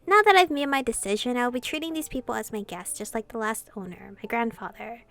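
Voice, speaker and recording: Hosting a let's-play, a woman reads visual novel dialogue aloud and reacts theatrically, swearing plenty along the way. Her voice is slightly high and fairly quick, with vocal fry, and her delivery is expressive and foul-mouthed.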